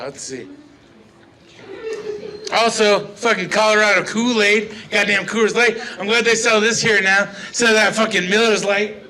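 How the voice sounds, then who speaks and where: On a small bar stage, a young comedian with a slightly high voice rambles through a profane set and often laughs at his own jokes. The recording is rough, picked up by an old-style handheld stage mic.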